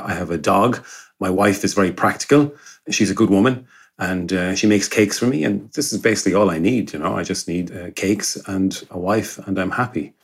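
A man with a west of Ireland accent chatting casually in a relaxed, wry, joking way. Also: sits low. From Galway, west of Ireland. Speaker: podcast co-host. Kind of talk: casual chat.

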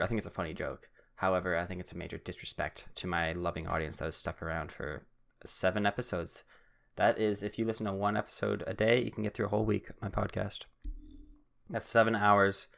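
Recorded on a podcast mic, this young podcast host talks alone in a casual, rambling way, mocking himself and frequently straying from the subject. He has a low voice with vocal fry and a fairly bright tone.

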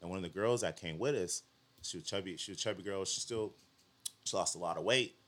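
A young man chatting casually as a guest, an animated storyteller who acts out quotes in slangy speech. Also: low-pitched, fast talker. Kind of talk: casual conversation.

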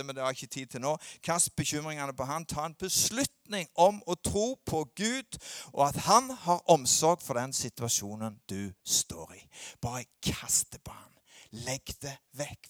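A middle-aged man preaching a sermon, swinging between loud emphatic peaks and low quiet asides. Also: no room sound, studio quality. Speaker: pastor.

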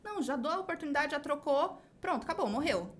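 A Brazilian Portuguese-accented woman with a notably high voice, speaking as a podcast guest. She talks in an easy, chatty way and slips into short acted-out exchanges to make her point. A faint hum of room ambience sits behind her. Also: quick pace. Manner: expressive, acts out little dialogues while explaining. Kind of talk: casual podcast conversation. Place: podcast studio.

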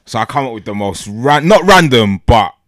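A man's voice: mid-range voice, big pitch swings, moderate pace, fairly bright tone, no echo, clean studio sound. A man with an urban London accent, chatting casually as a podcast co-host in roadman-style slang. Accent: London, urban slang-heavy.

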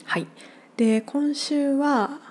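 A woman's voice: sits high, steady tone, slow pace, darkish tone. A woman hosting her own podcast, explaining things in a casual, chatty way with lots of fillers and restarts. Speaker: podcast host. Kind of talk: casual solo podcast talk.

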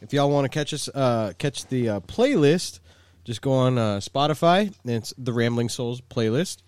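A man's voice: mid-range voice, expressive, moderate pace, a little mellow, smooth, no room sound. A man, co-hosting a casual podcast chat, rambling with lots of filler words and swearing. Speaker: podcast co-host.

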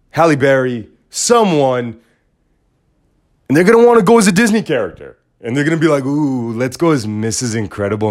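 A man hosting a podcast, talking in a rambling, joking casual monologue with big swings in pitch. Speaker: podcast host.

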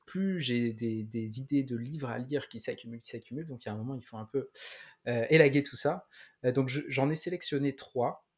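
A man chatting casually on a podcast, mid-pitched, halting now and then to search for a word and starting his sentences over. His delivery stays loose and conversational, with many small fillers. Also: a little mellow. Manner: hesitant, many restarts and fillers. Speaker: podcast co-host.

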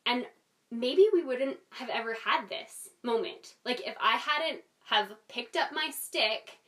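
Casting: woman, higher-pitched, conversational podcast host with sibilant whistle on S, slightly distant miking. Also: slow, fairly bright tone. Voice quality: whistling S sounds.

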